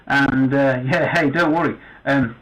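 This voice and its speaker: A man with a northern English accent runs an amateur radio net as guest host. He talks in a chatty, joking way, with fillers and false starts. His voice sits at an ordinary middle pitch. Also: fairly even intonation, unhurried, fairly bright tone, low-quality recording. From northern England. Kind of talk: casual amateur radio chat.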